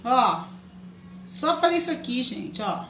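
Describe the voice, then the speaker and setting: Bright high-voiced chatty woman. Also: very animated, unhurried, echoey room, slight background noise, rough recording. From Brazil. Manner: chatty, greets viewers by name. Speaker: craft teacher, live stream host. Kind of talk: live craft tutorial.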